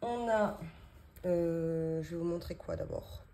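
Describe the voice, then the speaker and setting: Slow and warm, with a fairly low pitch, a woman in her thirties talks casually while unboxing budgeting binders at her home office desk. Her show-and-tell vlog has many fillers and small laughs, and a little hiss or hum sits in the recording.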